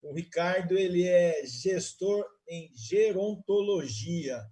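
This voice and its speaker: A man's voice: high-pitched, slow pace, mellow. A man who hosts a live online interview and talks in long friendly runs with restarts. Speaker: host. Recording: live video stream.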